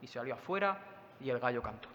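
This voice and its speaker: A man's voice: medium pitch, expressive, quick pace, a bit bright, long reverb tail, muffled recording. A man with a Spain Spanish accent preaching a Sunday sermon in a church, talking conversationally and asking his listeners rhetorical questions. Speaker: pastor preaching.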